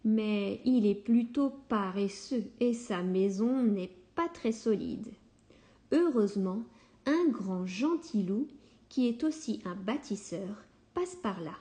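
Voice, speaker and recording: Slow, mellow woman storyteller. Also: medium pitch. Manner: calm and unhurried. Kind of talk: children's story reading.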